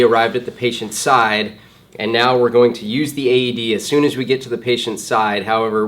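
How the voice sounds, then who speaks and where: Plain-spoken male first aid instructor. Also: on the low side. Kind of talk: hands-on demonstration, explaining steps.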